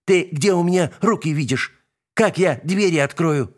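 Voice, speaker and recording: A man voicing a clever, cocky ginger tomcat who yells indignantly. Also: on the high side, normal speed, voice pushed up, natural voice. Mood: frantic. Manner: yelling, indignant.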